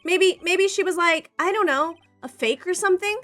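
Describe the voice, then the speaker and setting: An earnest, naive young man in college , as a woman voices him while reading a game aloud. He talks eagerly with little hesitant stammers, in a high, bright voice. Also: normal speed, soft background music.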